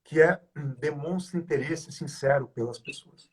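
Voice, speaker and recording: A man's voice: a little high, moderate pace, slight background noise. A man speaking as a guest on a live chat, explaining in a didactic way, listing examples and asking rhetorical questions.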